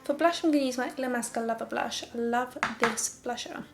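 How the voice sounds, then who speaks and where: A woman's voice: fairly high pitch, brisk, faint music behind. A young woman talking through a makeup tutorial in a casual, candid way, with sarcastic asides.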